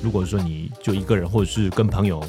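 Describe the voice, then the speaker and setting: A man's voice: low-pitched, fast, over music. A man hosting a casual interview, playful and chatty, often repeating his phrases. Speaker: podcast host.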